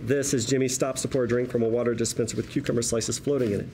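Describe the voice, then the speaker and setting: At a table read, a man narrates the screenplay's stage directions in a dark, mellow voice of middling pitch. He talks fast and keeps his tone steady, with faint noise in the background.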